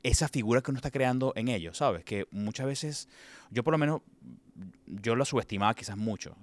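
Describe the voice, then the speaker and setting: A man's voice: medium pitch, animated, brisk. A man with a Venezuelan accent talking about fatherhood in a casual chat, often stumbling and repeating words. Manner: hesitant, repeats and restarts words. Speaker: father in a podcast conversation.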